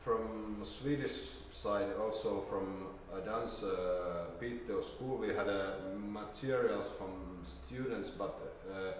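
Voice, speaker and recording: A middle-aged presenter at a project seminar talks slowly in a low voice, halting and hesitant as he demonstrates slides informally. The room is indoors with a projector screen; a distant camera microphone makes the audio roomy and echoey, with faint noise.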